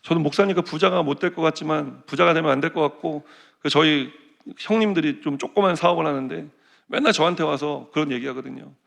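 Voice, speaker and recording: Animated bright-voiced male pastor preaching. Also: a little high, quick pace, creaky. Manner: animated storytelling, acts out prayers and quoted voices. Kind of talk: sermon. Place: church.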